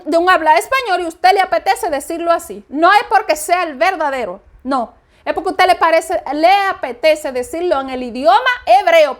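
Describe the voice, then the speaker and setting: A woman preaching an informal spoken sermon, emphatic and repeating each point several times. She speaks her native Spanish. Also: extremely high pitch.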